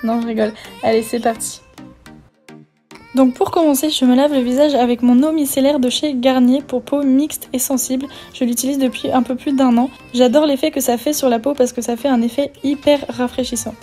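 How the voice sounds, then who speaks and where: A woman's voice: high-pitched, steady tone, a little fast, dark tone. A young woman narrating her get-ready-with-me routine, chatty and enthusiastic about her skincare and makeup. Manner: chatty, enthusiastic product commentary. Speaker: beauty vlogger. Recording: faint background music.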